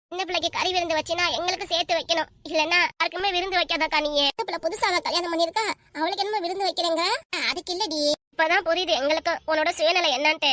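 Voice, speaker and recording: A woman with a southern Tamil Nadu village accent, voicing all the characters of a village comedy cartoon in quick, bright banter. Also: very high voice. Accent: southern Tamil Nadu, Kanyakumari-Tirunelveli dialect. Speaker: voice artist for a cartoon.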